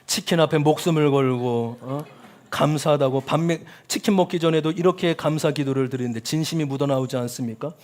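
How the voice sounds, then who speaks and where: High-pitched guy preaching a sermon, asks the congregation stuff, gets loud then goes quiet. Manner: swings from loud cries in quoted prayers to soft asides; talks straight to the congregation with questions and calls to say amen. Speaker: pastor.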